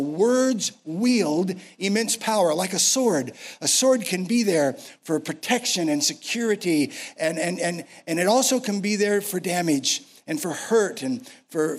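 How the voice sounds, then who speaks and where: Casting: American man, 60s, guest preacher, slightly high voice, emphatic delivery with repeated phrases. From United States. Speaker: senior pastor, guest preacher. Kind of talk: sermon. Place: speaking to a church congregation.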